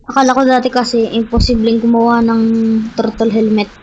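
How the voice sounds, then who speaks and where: A woman giving casual gameplay commentary for her video, speaking quietly and softly. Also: a little high, flat delivery, fairly quick, lo-fi sound, soft background music. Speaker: gaming video creator.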